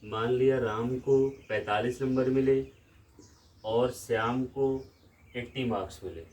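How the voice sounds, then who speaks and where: A man's voice: medium pitch, steady tone, unhurried, darkish tone, far from the mic, rough recording. A man with a Lucknow Hindi accent teaching a maths lesson from a room in a village, explaining step by step and asking questions back to the class.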